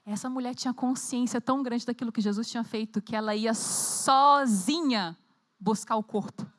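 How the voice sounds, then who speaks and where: A woman's voice: fairly high pitch, normal speed. A Brazilian woman preaching a sermon at a conference, telling the story dramatically and acting out the scenes. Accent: Brazilian Portuguese. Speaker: conference speaker. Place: conference hall.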